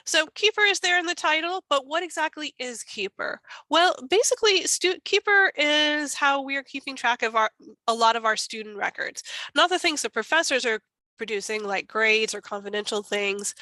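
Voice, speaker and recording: Woman, stuffy from a cold, bright voice, chatty archivist talk. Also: high voice, lively intonation, moderate pace, no room sound, poor audio. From Texas. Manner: chatty, self-deprecating. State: congested from a cold. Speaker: university archivist presenting. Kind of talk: conference presentation.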